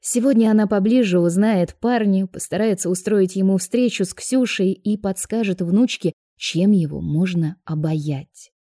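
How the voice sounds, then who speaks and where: A woman narrating an audiobook in a measured storytelling manner. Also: mid-range voice, mellow, dry recording, studio quality. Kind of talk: scripted narration.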